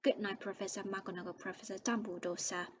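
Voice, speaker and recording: Tearful gentle giant, read by a woman. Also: medium pitch, steady tone, fairly quick, noisy background, lightly acted. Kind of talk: storybook reading aloud.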